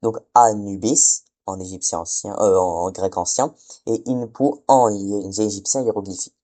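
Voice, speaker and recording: Guy teaching a class, lots of stumbling and self-correcting, warm mellow tone. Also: lowish voice, normal speed. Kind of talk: casual spoken lesson.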